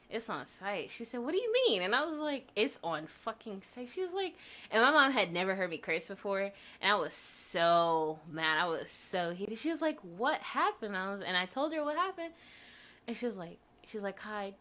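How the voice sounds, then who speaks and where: A young woman as a podcast guest, chatting casually, laughing often and telling heated stories with plenty of swearing. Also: medium pitch. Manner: expressive, laughs often, profane storytelling. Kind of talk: casual chat.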